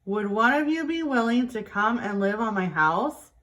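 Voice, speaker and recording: A woman voicing a kindly, courteous hermit crab in a children's storybook, with gentle exclaiming politeness. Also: on the high side, animated, moderate pace. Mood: admiring, asking. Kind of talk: storybook character reading.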